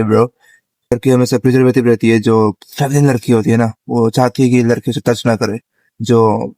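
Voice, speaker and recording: A young man talks through dating advice in a loose, chatty way, laughing often and switching between Hindi and English. His voice sits at an ordinary pitch and sounds dry and close, with no room around it. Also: darkish tone, no echo. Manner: chatty, addresses listener as bro. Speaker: vlogger giving dating advice. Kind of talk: casual advice monologue.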